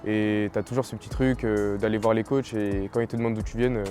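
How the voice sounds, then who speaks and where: Young male athlete, 20, from French Guiana, low voice, casual interview, light music bed. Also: fairly quick. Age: 20s. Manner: relaxed, talks plainly with fillers. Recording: interview with faint music underneath.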